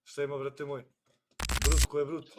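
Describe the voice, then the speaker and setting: A man's voice: a little high, completely flat delivery, normal speed, noisy background. A man with a Serbian accent bantering on a live stream, joking in broken English. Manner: joking, broken English, says "brate" constantly. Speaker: livestreamer. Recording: music playing in the background.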